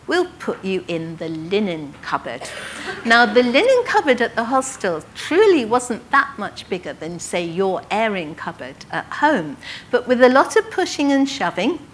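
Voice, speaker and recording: An older woman from England recounting her early writing career to an audience, in a lively anecdotal way with quoted dialogue. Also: on the high side, moderate pace, a little hiss or hum. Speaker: author telling her life story. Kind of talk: storytelling talk to an audience.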